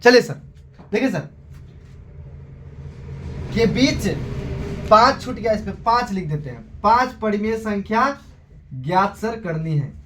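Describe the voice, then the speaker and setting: A man's voice: high-pitched, animated, unhurried, pauses often, fairly bright tone, a little hiss or hum. A young man with a Bihari accent teaching maths in a live class, chatty and scolding, calling his students beta. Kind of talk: casual Hindi live class.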